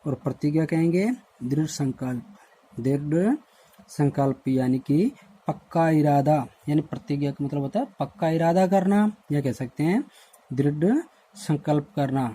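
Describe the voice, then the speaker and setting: A man teaching a lesson to schoolchildren in a recorded online class, explaining word meanings slowly and repeating himself. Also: fairly high pitch, warm tone, breathy edge. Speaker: Hindi teacher.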